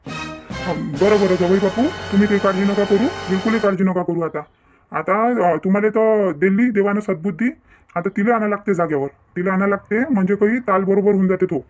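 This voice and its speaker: A man's voice: sits high, fairly quick, faint music behind. A man voicing an older male farmer and father-in-law, folksy and rambling in a cartoon family drama. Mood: reassuring.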